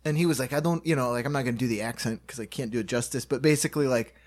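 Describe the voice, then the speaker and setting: A man's voice: mid-range voice, rapid-fire. A man in casual chat telling a rowdy anecdote, loose and chatty, with swearing.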